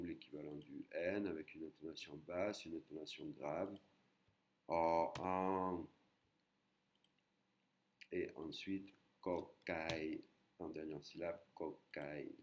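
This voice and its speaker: A man's voice: low-pitched, slight background noise. A man teaching an online language lesson, patiently repeating and breaking words into syllables.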